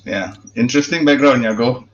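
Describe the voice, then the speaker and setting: A man hosting a casual livestream, talking in a relaxed way with many fillers over a video call. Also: medium pitch, fairly quick, dull audio. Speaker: host.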